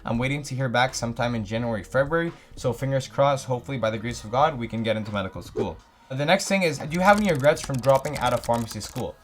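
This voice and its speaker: A young Canadian YouTuber in his twenties talks fast in a medium-pitched voice for a casual Q&A vlog addressed to the camera. Eager and upbeat, he reads each viewer question aloud and then answers it at length.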